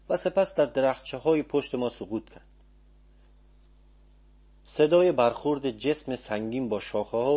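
A man narrating an audiobook in a calm, measured storytelling manner. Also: mid-range voice, slightly rough.

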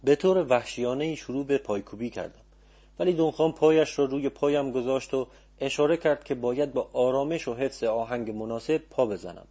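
A man narrates an audiobook, telling the story in a calm, measured way. His mid-range voice is slightly rough.

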